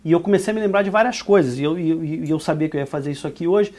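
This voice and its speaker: A Brazilian man with a Brazilian Portuguese accent talks rapid-fire in a fairly high, slightly mellow voice. He's a business owner co-hosting a casual podcast, speaking earnestly and encouragingly with many restarts and fillers.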